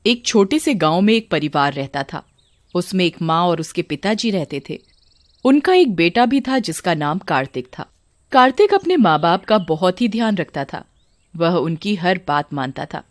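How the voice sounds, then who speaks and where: Expressive woman storyteller. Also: lowish voice, moderate pace, no room sound. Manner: expressive, dramatic. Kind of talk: scripted story narration.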